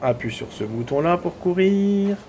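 A man with a French accent doing chatty, excitable let's play commentary, talking to his viewers and to his own character. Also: high voice, moderate pace, a little hiss or hum. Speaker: gaming YouTuber.

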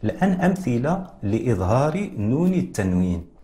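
A man hosting a televised lesson on Quran recitation, explaining rules in a measured way and addressing viewers directly. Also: mid-range voice, sing-song, warm tone. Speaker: Quran recitation teacher, TV host.

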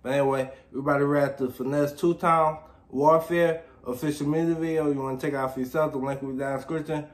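A man's voice: fairly high pitch, steady tone, fast talker, hardly any pauses. A man hosting a reaction video in casual, laid-back talk, often tagging his lines with "for real". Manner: laid-back, repeats "like, for real" and "you know what I'm saying". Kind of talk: casual commentary.

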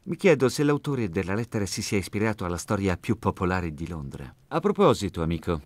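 Sherlock Holmes, cool and ironic. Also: male voice, low voice, very animated, brisk, dry recording. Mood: probing. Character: Sherlock Holmes, sharp cool detective, adult man. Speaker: detective. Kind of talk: Italian game dub.

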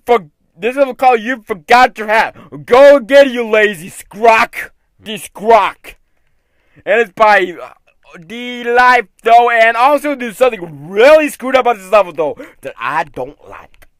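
Very high-pitched, shouty male gamer. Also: dry recording. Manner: shouty, exclaiming and scolding the game character; repeatedly tacks "though" onto sentences. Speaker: gaming video host. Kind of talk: excitable video game commentary.

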